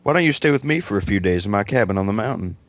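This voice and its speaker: An actor playing a blunt, gruff old mountain hermit who dislikes society and speaks in curt country phrases. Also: male voice, fairly low pitch, expressive, very fast. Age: older. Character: gruff ageless male mountain hermit, distrusts people.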